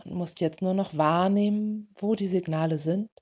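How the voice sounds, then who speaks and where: A woman leading a guided meditation in a soothing, gentle way, in short unhurried phrases. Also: on the low side. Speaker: meditation guide for dog owners.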